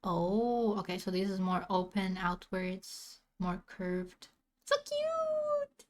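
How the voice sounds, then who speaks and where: A woman's voice: on the low side, fairly even intonation, slow pace. A woman streamer giving casual reaction commentary in a cute, exclaiming anime-streamer manner.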